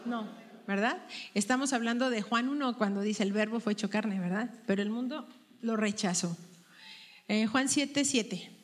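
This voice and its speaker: A woman's voice: a little high, normal speed. Woman leading a Bible study. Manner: asks the group questions and tags them with "¿verdad?". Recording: long hall reverb.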